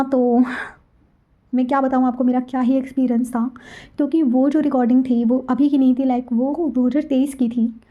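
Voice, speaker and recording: A woman hosting a spiritual channel, telling a personal story and giving advice in a chatty way. She keeps checking in with the listener and mixes English words into her speech. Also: high-pitched. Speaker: twin flame spiritual channel host. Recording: dull, lo-fi recording.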